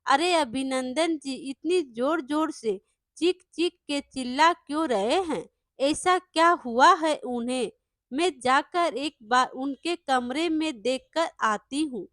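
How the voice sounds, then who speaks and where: A caring, reassuring elder sister from a storybook, voiced by a woman. Her high voice moves slowly. The sound is dry and close. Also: a bit bright, no echo. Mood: pleading.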